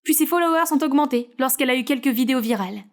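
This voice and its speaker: A woman narrating a scripted story in a smooth, steady way. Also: high voice, rapid-fire.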